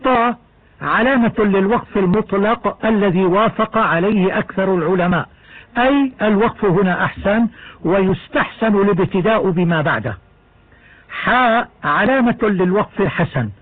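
A man with a high voice explains the rules of Quran recitation in a measured, step-by-step way. The sound is dry and narrow, like an old radio broadcast heard through a small speaker. He talks like a patient teacher going through each rule in turn. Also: lively intonation, slightly rough, no room sound.

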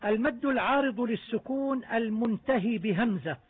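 A man teaching the rules of Quran recitation, explaining each point in a methodical, measured way. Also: very high-pitched, slightly rough. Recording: narrow tinny phone-like sound.

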